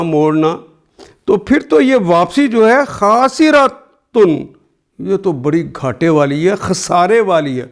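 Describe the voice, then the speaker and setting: A man teaching a word-by-word Quran translation, reciting each verse slowly and then explaining every word in plain, patient teaching. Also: high-pitched. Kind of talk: word-by-word scripture lesson.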